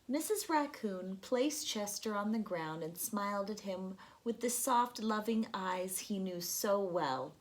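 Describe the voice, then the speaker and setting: Slow, gentle woman reading a storybook. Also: mid-range voice, animated. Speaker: children's storybook reader. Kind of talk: expressive read-aloud narration for children.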